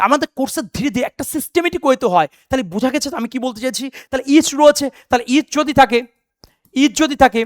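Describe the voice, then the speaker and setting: This is an online exam-prep English class led by a man whose voice is very high and a bit bright. He hammers rules home through repetition, addresses students as "baba" and "beta", and launches into passionate pep talks, all in a dry, studio-quality recording.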